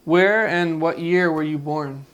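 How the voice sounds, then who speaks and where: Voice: mid-range voice, unhurried, a bit bright, clear, resonant tone. Hesitant grandchild asking interview questions.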